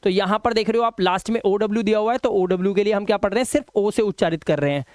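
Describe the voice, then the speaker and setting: A man's voice: high-pitched, racing, a little mellow, smooth, no echo, clean studio sound. A man teaching English pronunciation rules in a lesson. He asks himself questions and answers them, then drills the words.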